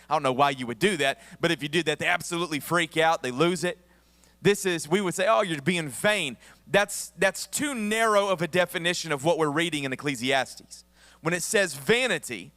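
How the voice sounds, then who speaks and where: In a church sanctuary, a male pastor with a Southern American accent delivers a conversational sermon sprinkled with humorous asides. His voice is a little high and a bit bright, but somewhat worn, as though he is losing it. The recording has no room sound even though he is in a large hall.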